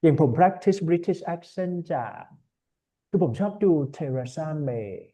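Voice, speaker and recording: A man's voice: high-pitched, slow pace. A man teaching an online speaking class as a tutor, talking casually and mixing English words into his speech. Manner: relaxed, mixes English words into Thai. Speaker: IELTS tutor. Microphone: online call.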